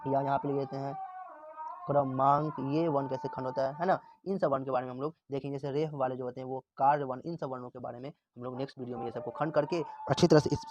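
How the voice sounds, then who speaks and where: A man's voice: medium pitch, fairly even intonation, fast, a little mellow, slight background noise. A male teacher giving a classroom lesson. He repeats words and asks the class questions, then answers them himself.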